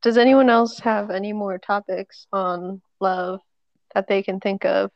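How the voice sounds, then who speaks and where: A woman hosting a casual podcast chat, talking in a deadpan, sarcastic way. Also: medium pitch, a little slow, no room sound, muffled recording. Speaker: podcast host.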